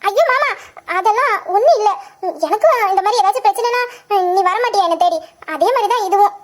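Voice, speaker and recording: In an audio drama, a performer voices a sweet, affectionate young girl who adores her uncle, speaking earnestly and fondly with light giggles. The voice is very high-pitched and a little fast, with a tender mood.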